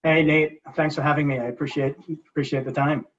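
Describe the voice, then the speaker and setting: A man in his forties from Guyana, raised in England, talking as a podcast guest from his home office, halting and repeating words with many fillers. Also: on the high side, little pitch movement, highs cut off. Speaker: guest, entrepreneur.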